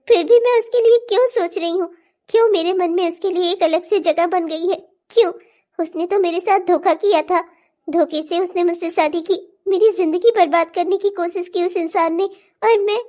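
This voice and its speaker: A woman's voice: very high voice, darkish tone. A woman voicing a proud rich young daughter in a cartoon, brooding and questioning herself. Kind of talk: cartoon voice acting.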